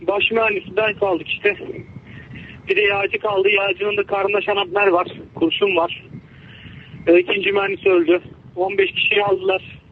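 A man, a ship's engineer, calling in over a ship's radio link, injured and shaken, talking haltingly and repeating himself with many fillers. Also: high-pitched, flat delivery. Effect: heard over a crackly ship's radio link. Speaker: ship's engineer on a hijacked vessel. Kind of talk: emergency radio call. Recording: tinny radio line with faint noise.

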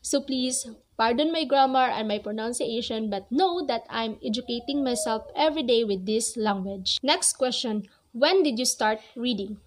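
With a fairly high voice and a moderate pace with few pauses, a young non-native English-speaking woman in her twenties chats casually to camera about books. The camera sits close to her in a small bedroom strung with lights, and she speaks earnestly.

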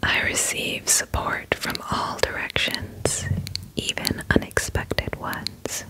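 Slow, whispering woman giving an encouraging pep talk. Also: rough recording. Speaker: ASMR host. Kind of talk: whispered ASMR positive affirmations.

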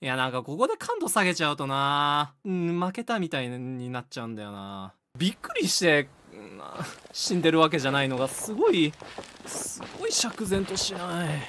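A young man streaming a game in casual chat, jumpy and prone to loud yelps and laughter. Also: a little high, sing-song, fairly quick.

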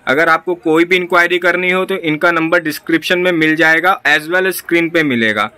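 A man with an Indian accent and a fairly high, pushed, bright yet smooth voice talks a little fast. He hosts a market shopping vlog inside a small clothing shop, interviewing a seller, repeating the seller's answers back, and addressing his viewers.

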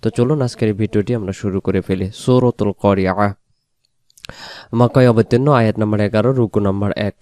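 A man teaching Quran recitation, who explains quickly and then chants each verse slowly and loudly. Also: fairly low pitch, steady tone, no echo, clean studio sound. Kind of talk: Quran recitation lesson in Bengali.

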